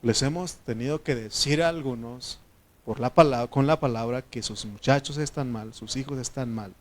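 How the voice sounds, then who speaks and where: A man preaching a sermon, putting direct questions to the congregation and swinging between loud and hushed. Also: medium pitch, moderate pace. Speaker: pastor.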